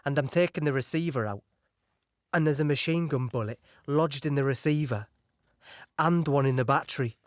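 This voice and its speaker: An actor playing a young British signaller recounting a beach landing in an audio drama, halting and shaken. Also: male voice, medium pitch, no echo, studio quality, natural voice. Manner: halting, shaken, recalling horror in present tense.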